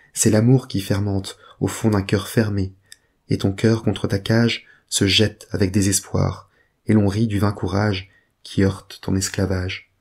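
A man giving a poetry reading, a steady recitation that also reads out titles and poem numbers. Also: on the low side, slightly rough. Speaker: reader.

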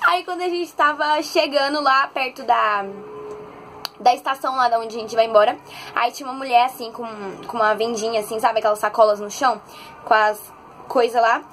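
A woman, chatting excitedly in a haul vlog from her bedroom at home. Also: a little high, a little fast, slight background noise. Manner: chatty and excitable, animated storytelling. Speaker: vlogger.

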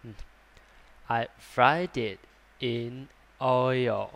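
A man with a Vietnamese accent teaching English pronunciation, sounding out words slowly, repeating them and adding chatty asides. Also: mid-range voice, creaky. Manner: breaks into soft laughs and chatty asides. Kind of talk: slow, drawn-out pronunciation lesson.

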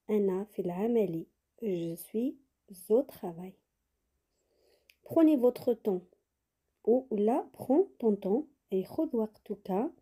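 Breathy woman teaching French, mellow tone. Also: a little high. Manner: slow repeated model phrases with quick asides. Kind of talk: bilingual language lesson.

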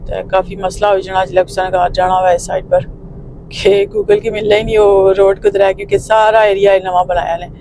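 A woman's voice: medium pitch, level tone, fast talker, warm tone. A Pakistani woman chatting casually and expressively as she vlogs about her day in a homely way. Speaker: vlogger. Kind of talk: casual vlog chat. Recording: noisy phone vlog with vehicle sounds.

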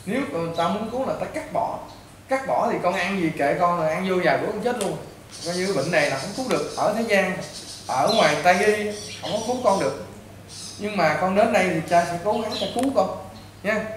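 A priest with a high male voice and Southern Vietnamese accent speaks fast and animatedly, counseling a patient informally through blunt, repetitive lecturing that treats them like a child. The room echoes strongly, clear background noise is present, and he's distant from the mic.

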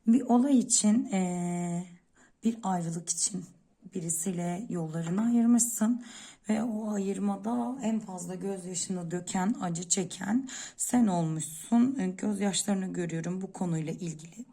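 Mellow-voiced woman fortune teller. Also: mid-range voice, unhurried, vocal fry. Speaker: fortune teller reading coffee cups. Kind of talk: coffee-cup fortune telling, unscripted, addressing one listener.

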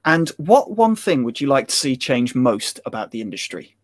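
A man hosting an interview show, asking set questions in a measured way. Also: medium pitch, very animated, no echo, clean studio sound.

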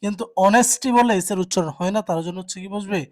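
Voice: medium pitch, very fast. A teacher giving an exam-prep grammar lecture, posing questions to the class and answering them at once, often checking in with "okay?". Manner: asks rhetorical questions and answers them, frequent check-ins.

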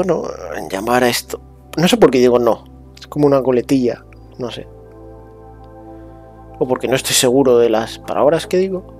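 A man from muses aloud, full of restarts and little fillers. He drifts between a hushed murmur and a brighter, livelier tone. Faint music plays underneath. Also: mid-range voice, breathy edge. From Spain. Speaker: vlogger. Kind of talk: rambling casual monologue.

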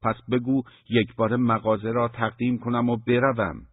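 A man's voice: medium pitch, level tone, slightly rough, no echo, voice pushed up, natural voice. A man voicing a resentful, touchy shopkeeper brother who talks indignantly and defensively. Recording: thin phone-like dry recording.

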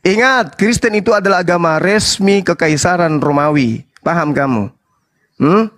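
High-voiced man, taunting in a heated debate. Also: normal speed, a bit bright. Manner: taunting, mocking, presses questions.

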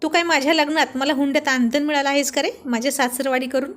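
A woman voicing a playful, teasing young husband in a storybook, joking and bantering in a fairly high voice. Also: steady tone, fast, fairly bright tone. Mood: scolding.

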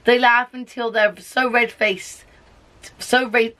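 A mother reads a picture book aloud to her small child, her voice sitting fairly high. She is coaxing and sing-song, and she keeps pausing to quiz him about the pictures. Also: flat delivery, pushed and bright. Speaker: parent reading to her child.

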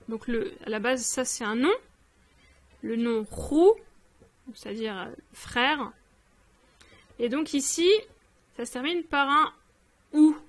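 A woman's voice: on the high side, fairly bright tone. A woman teaching a grammar lesson, explaining patiently, repeating examples and addressing the learner informally. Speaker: language teacher.

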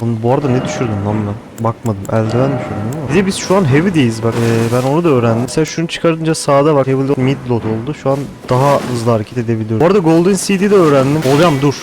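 A man giving casual gameplay commentary, excitable and thinking out loud, with casual swearing. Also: medium pitch, background noise. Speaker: gaming host.

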